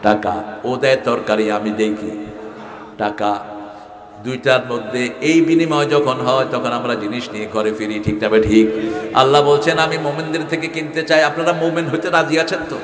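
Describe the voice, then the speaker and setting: A man preaching a sermon. He swings from loud, rising questions to the crowd down to quiet asides, and slows to chant verses. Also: medium pitch. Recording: echoey hall with long reverb.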